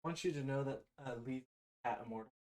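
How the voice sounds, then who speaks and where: A woman in casual post-game chat, wry and lively, swearing casually. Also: a bass voice, fast talker. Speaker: tabletop game player.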